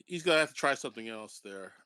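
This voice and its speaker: A man chatting through a tabletop role-playing session, his voice sitting at an ordinary middle pitch. He jokes and laughs easily, drifting between table talk and his character. The sound is dry and close, with no room behind it. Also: animated, fast talker, pushed and bright, smooth, dry recording. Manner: joking, laughs often, slips in and out of his character. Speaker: tabletop game player. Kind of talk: casual play and table chat over voice chat.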